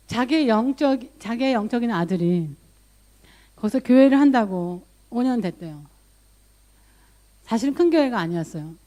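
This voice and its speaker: A woman pastor delivers a sermon in a conversational, storytelling way, mixing English loanwords into her speech. Her voice is a little high with a dark tone, and it lifts when she quotes her own prayers.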